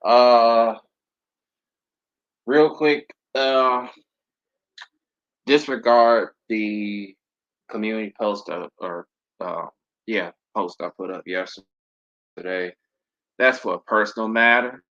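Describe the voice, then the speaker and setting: A man's voice: on the low side, fairly even intonation, slow, pauses often, a bit bright. A man in his thirties hosting an aviation channel livestream, talking casually and rambling with lots of fillers and restarts. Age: 30s. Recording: dull lo-fi stream audio.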